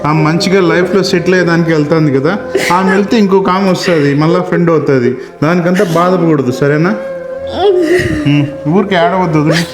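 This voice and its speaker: A man's voice: a little high, fast. A man acting as the husband in scripted comedy skits, lecturing in an exasperated way. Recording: echoey room with music behind.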